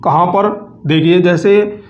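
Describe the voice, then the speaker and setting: A high-voiced man teaches grammar in a patient, repetitive way and keeps addressing his viewers as friends. The recording sounds echoey and dull, as if made in a bare room with a cheap mic. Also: fairly even intonation. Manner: patient, repeats slowly, calls viewers friends. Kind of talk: grammar lesson.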